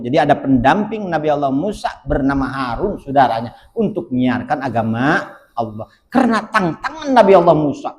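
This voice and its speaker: A man's voice: on the high side, poor audio. A man, preaching a casual storytelling sermon in a jokey way and often addressing his listeners directly. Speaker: Islamic preacher.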